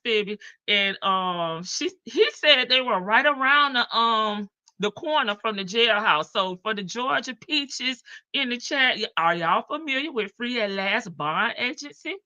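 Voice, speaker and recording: A woman's voice: mid-range voice, pushed and bright, dry recording, muffled recording. A woman hosting a livestream with informal, teasing chatter and casual commentary. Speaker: livestream host.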